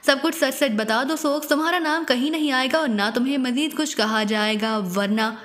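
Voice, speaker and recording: A woman's voice: high-pitched, moderate pace, a bit bright. A woman voicing a cold, commanding male army major in an audiobook spy story. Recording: long hall reverb.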